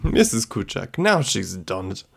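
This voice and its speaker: A man's voice: fairly low pitch, sing-song, measured pace, creaky, exaggerated voice. A man reading a story, voicing an indignant, sarcastic grown son. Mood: incredulous.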